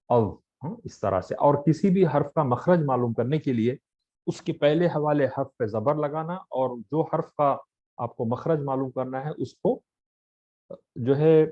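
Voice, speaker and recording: A man teaching a slow, patient recitation class. He lingers on every syllable and stretches out the vowels as he drills letter after letter. The audio is a little dull and muffled, like a modest home recording. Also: mid-range voice. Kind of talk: slow spoken tajweed lesson.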